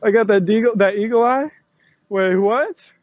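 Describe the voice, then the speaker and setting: A young man live-streaming outdoors on a college campus from a selfie stick, excitable and slangy, laughing often and swearing, out of breath and sweaty after push-ups. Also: high voice, normal speed, no room sound, dull audio. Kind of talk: casual live-stream chat. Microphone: selfie stick tripod.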